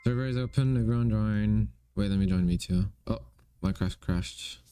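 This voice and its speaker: A man's voice: fairly low pitch, normal speed, warm tone, faint music behind. A young man streaming, chatting casually and playfully to himself and his viewers while gaming and drawing. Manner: playful, rambling, talks to himself and chat.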